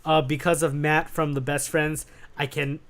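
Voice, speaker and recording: High-voiced laughing young man host. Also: level tone, normal speed, a bit bright. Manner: laughs often, repeats himself. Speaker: podcast host. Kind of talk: casual chat.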